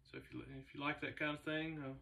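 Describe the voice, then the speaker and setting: A man, a race car builder talking casually to the camera in a halting, laid-back way with many fillers. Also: a little high, level tone, gravelly, pushed and bright. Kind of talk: casual vlog talk. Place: large indoor garage shop. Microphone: camera a few meters away. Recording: distant camera mic in a garage.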